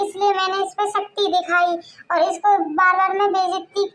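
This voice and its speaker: A woman's voice: extremely high pitch, level tone, moderate pace, fairly bright tone. A woman voicing a bossy older aunt who is stern but caring, scolding and domineering in a family drama. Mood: aggrieved.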